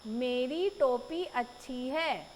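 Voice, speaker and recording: Woman doing a calm, firm storybook king, slow, echoey room. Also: high voice, heavily acted. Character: calm, good-humoured king. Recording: echoey room, faint noise.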